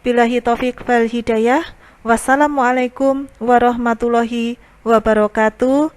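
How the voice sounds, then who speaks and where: A woman's voice: fairly high pitch, steady tone, a little slow. A woman English teacher from Indonesia, giving a recorded lesson. She reads English example sentences aloud and then translates each one patiently. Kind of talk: recorded lesson explaining grammar.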